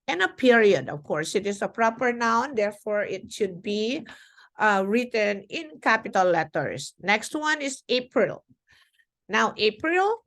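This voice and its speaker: A woman teacher explaining a classroom lesson to young children, slow and deliberate, with fillers as she goes. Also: a little high, a bit bright.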